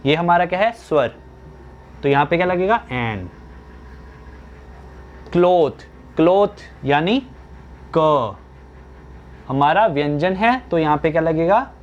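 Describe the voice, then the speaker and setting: A young man teaching English grammar in a slow classroom style, asking questions and answering them himself. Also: on the high side, lively intonation, dull audio.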